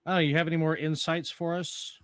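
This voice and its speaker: A man's voice: a little high, little pitch movement, fairly quick, smooth, no room sound, clean studio sound. A man playing a tabletop game, bantering casually with a wry, joking manner.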